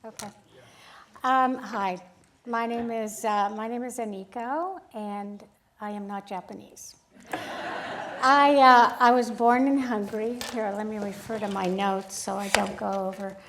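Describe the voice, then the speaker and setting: A woman photographer giving a casual, storytelling talk at an art club, chatty and animated, acting out the dialogue she recalls. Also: mid-range voice, unhurried, a little hiss or hum. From United States, grew up in Sacramento. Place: art club event room. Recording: echoey room.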